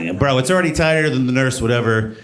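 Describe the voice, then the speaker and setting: A man performing observational stand-up comedy, telling stories in an animated way and acting out exchanges. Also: medium pitch, fast talker, a crowd in the background. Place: live comedy show before an audience. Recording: echoey room, clear background noise, live audience.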